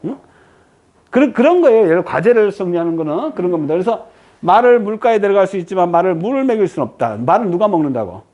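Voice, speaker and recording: A woman's voice: mid-range voice, fast talker, muffled recording. A woman giving a lecture, asking the audience frequent questions and answering them herself. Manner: lively rhetorical questions to the audience.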